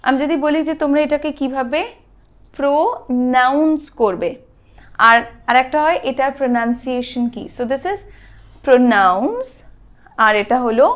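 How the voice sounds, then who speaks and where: Bengali-accented female English tutor, high-pitched, slow and repetitive explainer. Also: a bit bright. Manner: explains slowly, repeats examples, checks in with the viewer. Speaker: English teacher. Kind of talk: grammar lesson.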